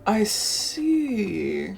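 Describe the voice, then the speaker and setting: A woman's voice: on the high side, wildly swooping pitch, very slow, gravelly, a little mellow, faint music behind. A woman streaming a cozy game playthrough, reading the on-screen text aloud and gushing with delight over what she finds. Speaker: let's play streamer.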